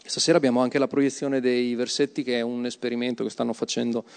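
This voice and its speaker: A man's voice: mid-range voice, flat delivery, fast, vocal fry, darkish tone, smooth. A man preaching a sermon to a congregation, emphatic, having them repeat words after him. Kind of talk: sermon with Bible reading. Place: church hall. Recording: long hall reverb.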